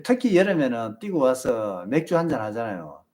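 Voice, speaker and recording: A man's voice: mid-range voice, big pitch swings, normal speed, mellow. A man with a Busan Gyeongsang accent, hosting a marathon channel and chatting casually with viewers and giving them advice. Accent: Busan Gyeongsang Korean. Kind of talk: casual live-stream chat.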